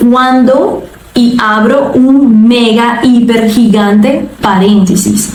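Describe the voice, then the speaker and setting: A young woman teaching a Spanish lesson online, explaining in a lively, playful way. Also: a little high. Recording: echoey room with faint noise.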